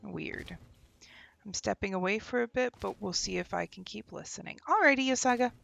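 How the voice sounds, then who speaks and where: A young woman streams a game from home on a desk microphone with headphones, chatting casually, laughing, and often trailing off mid-sentence. Her mid-range voice moves at a normal speed, with vocal fry and a slightly bright quality.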